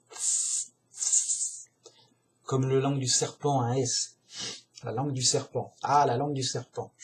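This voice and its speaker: A man musing aloud in a casual, digressive monologue, slangy and chatty, often addressing the listener as a buddy. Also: medium pitch.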